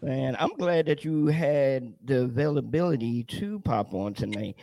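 A man hosting an online radio talk show, animated and laughing often, repeating his words as he talks. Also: mid-range voice, a little slow, gravelly, no room sound. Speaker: host.

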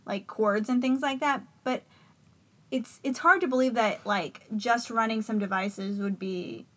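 A woman co-hosts a relaxed conversation and talks in a practical, earnest way. She breaks into short nervous laughs. Her voice sits a little high. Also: a little slow. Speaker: podcast co-host. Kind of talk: casual chat.

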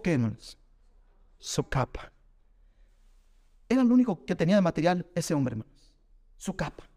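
A male preacher delivers a sermon in a high-pitched voice. He keeps turning to his listeners as brothers and asks them question after question. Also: darkish tone. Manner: keeps calling the audience "hermanos" and asks rhetorical questions.

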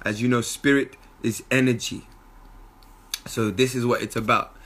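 A man giving a lively motivational talk as a spiritual coach, often laughing. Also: medium pitch, moderate pace, slightly rough. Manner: animated, bursts into shouted impressions and laughter.

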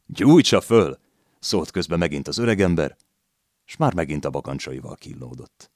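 A deep, low male voice reads a novel aloud at a measured storytelling pace. The sound is dry and very close, with no room around it. It is a plain, steady audiobook narration. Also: dry recording. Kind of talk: literary audiobook reading.

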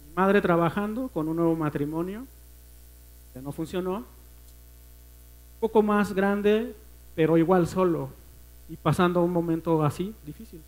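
A man with a Mexican accent preaching a personal testimony at a church service, earnest and emotional, often dropping to a hush. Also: high-pitched, a little slow, long pauses, rough recording. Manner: earnest, emotional storytelling that often sinks to a hushed voice.

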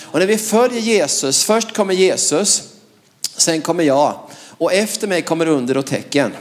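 This man preaches a sermon in a high voice, animated and forceful, with laughter slipping in between phrases and frequent use of "va?".

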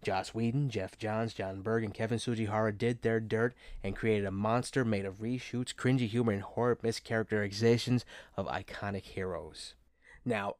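Excited low-voiced man reviewing a movie. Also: no room sound. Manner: enthusiastic, gushing fan talk. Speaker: host of a movie review show.

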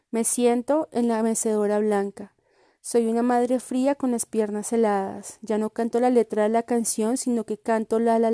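A woman reading a first-person literary story in a calm, measured way. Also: on the high side, dry recording, clean studio sound. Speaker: reader.

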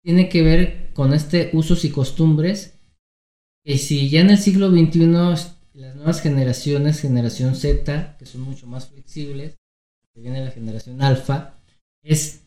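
A man's voice: on the high side, unhurried, warm tone, roomy sound. A man, hosting an interview and thinking aloud through long, winding questions. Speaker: interview host, sexologist.

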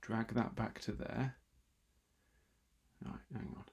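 A man talking quietly and wryly at night from a room in his house, hosting a solo radio show with lots of asides and restarts. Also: lowish voice, little pitch movement, takes it slowly, vocal fry, breathy edge. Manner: self-deprecating, wry, full of asides and restarts; talking quietly, half-whispering at times. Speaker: radio host. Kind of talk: rambling late-night solo radio chat.

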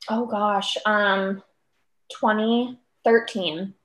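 A woman's voice: medium pitch, steady tone, very slow, fairly bright tone. A 25-year-old woman from Cape Cod, Massachusetts, a guest chatting upbeat and casually on a podcast, with many fillers like "um" and "like". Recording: roomy echo.

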